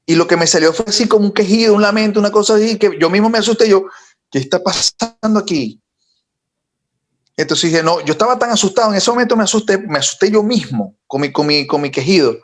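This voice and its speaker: Animated man telling a spooky story. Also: sits high, fast, few pauses. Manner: animated, recounting with rising intensity. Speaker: podcast co-host. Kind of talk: casual storytelling.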